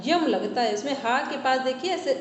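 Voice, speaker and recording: A high-pitched woman teaches over a video call, her voice ringing with a long hall echo. Faint noise sits behind her as she patiently corrects pronunciation and sets homework. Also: lively intonation, a little fast. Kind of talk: online class instruction.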